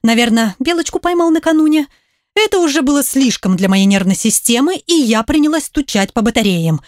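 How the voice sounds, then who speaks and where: A woman narrating an audiobook in the first person, with a lively, ironic storytelling manner. Her voice sits fairly high, and the recording is close and dry. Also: a little fast, no echo. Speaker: audiobook reader.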